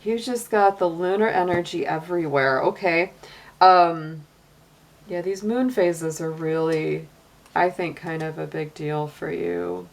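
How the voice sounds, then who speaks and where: A woman's voice: on the low side, a little slow. Chatty woman giving a tarot reading. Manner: chatty, laughs often, many "you know" and "like" fillers. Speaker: tarot reader. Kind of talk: casual monthly tarot reading.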